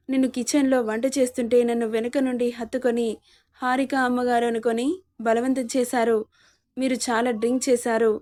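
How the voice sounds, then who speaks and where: A woman's voice: on the high side, dark tone, natural voice. A woman voicing a tearful, wronged young housemaid in a storybook reading, accusing and upset.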